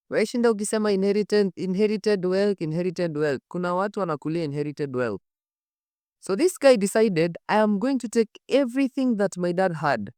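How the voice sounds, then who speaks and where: This Kenyan-accented host tells stories to the camera from a studio set, lively and conversational, leaning on repeated phrases, emphasis and rhetorical questions. The voice is on the high side, smooth and darkish, captured dry and clean.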